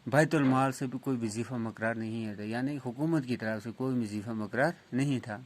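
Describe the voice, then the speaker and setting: A male teacher giving a reading lesson to young children. He goes through the text slowly, restating each sentence in simpler words. His voice stays at an ordinary middle pitch. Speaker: school teacher.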